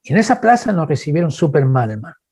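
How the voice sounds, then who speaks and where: A man's voice: fast talker, husky. A man with a Chilean accent preaching in a webinar, telling personal stories and acting out quoted voices. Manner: animated, acts out quoted voices with big pitch jumps; addresses listeners as brothers, asks okay. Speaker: guest speaker. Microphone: webinar microphone.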